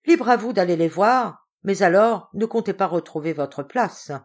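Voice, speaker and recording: A woman voicing a harsh, scornful spinster mistress of the house who speaks in a sharp, cutting way. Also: mid-range voice, expressive, normal speed, lightly acted.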